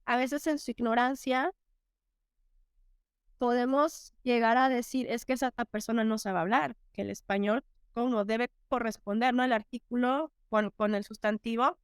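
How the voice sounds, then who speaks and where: A woman's voice: fairly high pitch, fairly even intonation, moderate pace, smooth, no room sound, clean studio sound. A Mexican woman in her thirties, a teacher and interview guest, telling stories reflectively with many fillers and restarts.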